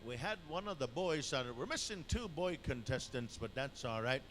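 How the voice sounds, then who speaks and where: A man working as a powwow emcee, announcing live in an informal, halting way and drawing out the names he calls. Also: on the high side, sing-song, fairly bright tone. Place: powwow dance arena. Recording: noisy live event PA announcement. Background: clear event noise and ambience.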